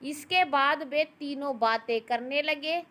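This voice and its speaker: A woman storyteller reading a family drama in calm, steady scripted narration. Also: high-pitched, takes it slowly.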